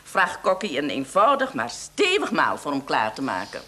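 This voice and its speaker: An imperious baroness. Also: female voice, sits low, wildly swooping pitch, moderate pace, sharp tone, full character voice. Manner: imperious, grand. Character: haughty commanding old baroness. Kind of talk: 1960s TV comedy acting. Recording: old VHS television audio, faint hiss.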